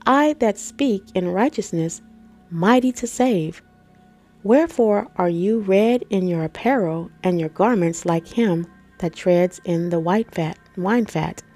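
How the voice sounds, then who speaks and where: A Bible teacher hosting her own channel reads scripture and explains it casually to viewers, calling them family and guys; allergies leave her nose stuffy. Her medium-pitched voice is a little mellow and unhurried. Soft music plays in the background.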